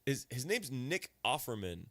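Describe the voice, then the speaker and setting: A man's voice: mid-range voice, big pitch swings, a little slow, no room sound. A man hosting a casual chat with a friend, laughing often and breaking into cartoon voice impressions. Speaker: gaming channel host.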